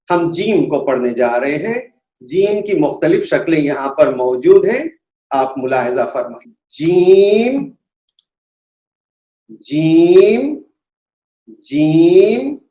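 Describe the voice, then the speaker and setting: A man teaching Quran pronunciation in a slow lesson, saying each letter sound over and over with care. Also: on the high side, animated, a little mellow. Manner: deliberate, repeats each letter sound several times. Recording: echoey room.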